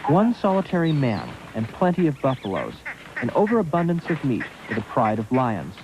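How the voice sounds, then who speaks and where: A man narrates a wildlife documentary with a lively, rising-and-falling voice. His delivery is measured and explanatory. Faint hiss runs under him, as on a worn VHS tape copy. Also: mid-range voice.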